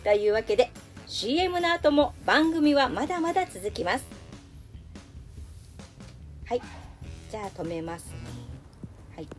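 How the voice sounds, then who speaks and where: Woman playing a bubbly radio host who snaps into coarse talk, high lively voice, comedy radio sketch. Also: a little slow, pauses often, faint music behind. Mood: bright, polite. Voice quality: polite and bright on air, rough and blunt off air. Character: cheerful female radio host with a coarse hidden temper.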